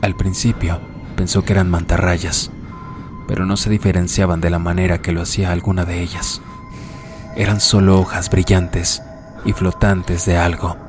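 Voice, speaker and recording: Male narrator, deep and measured, music bed. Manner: steady, measured storytelling. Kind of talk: scripted narration. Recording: music playing underneath.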